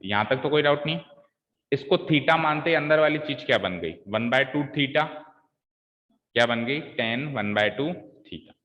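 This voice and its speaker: A man's voice: medium pitch, normal speed, pushed and bright. Male maths teacher, coaxing, quizzing students, long room reverb, muffled sound. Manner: quizzes students, calls them "beta" and "bhai". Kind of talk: live online maths class. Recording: echoey room, dull lo-fi sound.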